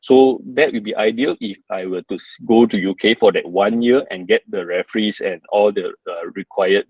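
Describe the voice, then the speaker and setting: Husky Malaysian-accented man, fairly low voice. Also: a little mellow, dry recording, rough recording. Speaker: surgeon asking a question at a webinar. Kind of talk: hesitant, explanatory question in an online seminar.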